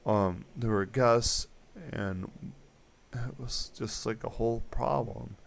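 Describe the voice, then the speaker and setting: A man's voice: mid-range voice, slow pace, vocal fry. A man making a prank phone call, rambling and apologizing in a flustered, mumbling way. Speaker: prank caller.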